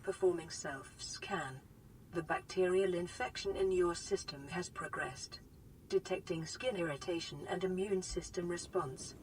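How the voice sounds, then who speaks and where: Gentle care-robot voice a game suit computer. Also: female voice, on the low side, rough recording. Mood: clinical. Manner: calm, measured, clinical. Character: calm female suit computer assistant. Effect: gentle synthetic care-robot voice. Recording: game audio with clear music behind.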